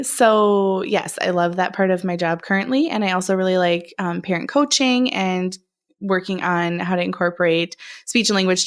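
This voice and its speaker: A woman in her thirties with a Minnesotan accent, co-hosting a casual podcast with friends, playful and teasing, laughing often. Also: fairly low pitch. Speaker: podcast co-host. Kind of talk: casual chat among friends.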